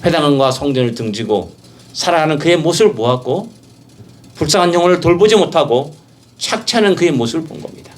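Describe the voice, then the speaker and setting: A male pastor preaching a sermon, emphatic, with rhetorical questions and repeated phrases, swinging from soft passages to loud exhortation. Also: a little high, expressive, fairly quick.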